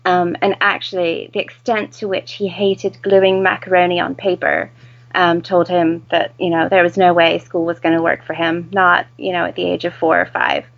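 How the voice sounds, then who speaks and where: An American woman with a fairly low voice and a lot of vocal fry. She talks casually as an interview guest, on a slightly muffled recording. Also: moderate pace. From United States. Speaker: interview guest, home-educating mother.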